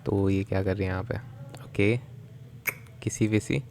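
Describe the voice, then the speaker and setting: A man's voice: deep voice, flat delivery, measured pace, darkish tone, a little hiss or hum. A young Indian man with an Indian accent giving joking, chatty reaction commentary, mixing Hindi and English. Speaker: reaction video host.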